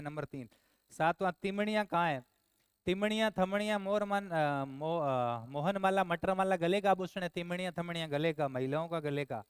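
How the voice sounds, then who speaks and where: A man from Rajasthan teaching an exam answer walkthrough, brisk, quizzing his listeners and scolding them in asides. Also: high-pitched, clean tone, no echo.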